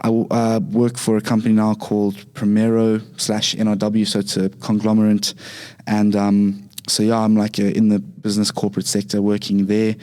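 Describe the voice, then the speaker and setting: A young man from Zimbabwe with a Zimbabwean accent, chatting relaxed as a podcast guest, with many fillers and restarts. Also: on the low side, moderate pace. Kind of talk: casual interview talk.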